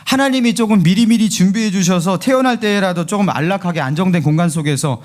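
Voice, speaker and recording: A male pastor preaching a sermon, telling a story in an animated way and asking the congregation many rhetorical questions. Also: high voice, fast.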